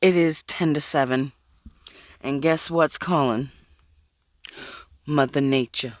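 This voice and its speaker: Sleepy woman filming on her phone in a car, talks slow, laughs a lot, rambles to herself. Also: deep voice, no room sound, studio quality. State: sleep-deprived and tired. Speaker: vlogger. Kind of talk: casual vlog talk. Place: inside a parked car.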